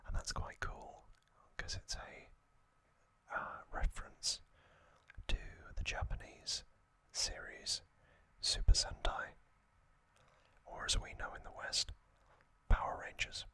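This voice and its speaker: Trivia comes out in a gentle, rambling whisper from a man hosting an ASMR session. He pauses often, leans on ums, and keeps drifting into things he remembers.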